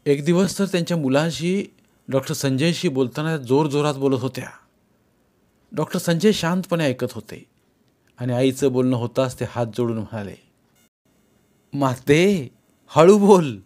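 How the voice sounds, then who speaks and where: Male audiobook narrator, even-paced storyteller with a mid-range voice. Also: mid-range voice, normal speed. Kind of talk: reading a novel aloud.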